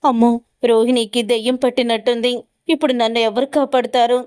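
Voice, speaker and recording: A woman's voice: a little high, flat delivery, fairly quick, a little mellow, smooth, lightly acted. A woman reading the lines of a frightened, timid young husband in a retold family drama, in a pleading, fearful way. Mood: scared.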